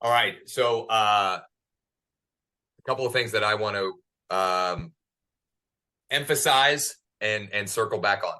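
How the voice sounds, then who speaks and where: A man, a real estate agent, speaking on a webinar in a deliberate, pausing way with fillers. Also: fairly low pitch, sharp tone. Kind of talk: webinar talk.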